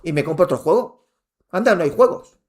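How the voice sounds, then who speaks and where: A male gaming streamer ranting to his chat, heated and almost shouting, repeating himself and swearing, while wearing headphones. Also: high-pitched, lively intonation, brisk. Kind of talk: live stream rant.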